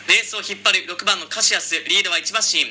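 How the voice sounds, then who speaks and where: A man calling a horse race, rapid and building excitement toward the finish. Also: sits high, slight background noise. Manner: rapid, rising to a shout at the finish. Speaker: race caller.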